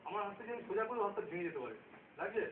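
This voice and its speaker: A man with a high, expressive voice talks very fast over a background crowd, teaching self-defence in a live demonstration and often checking that his students are following. The recording is roomy and distant, with a phone-like quality and loud noise.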